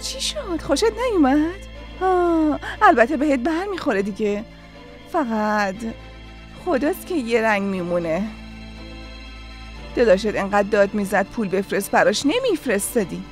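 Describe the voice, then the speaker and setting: A sharp-tongued, bossy sister-in-law, voiced by a woman in a dubbed TV drama. She talks in a high voice, mocking and sarcastic, and keeps rushing people along. Faint music plays under her. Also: animated, lightly acted. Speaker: dub actress. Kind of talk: Persian-dubbed TV drama acting.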